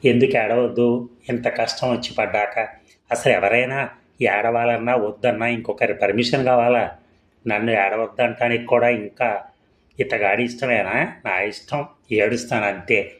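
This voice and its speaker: A man's voice: mid-range voice, steady tone, normal speed, a bit bright, close to an everyday voice. A man voicing a young bride in an audio story, retorting with indignant defiance.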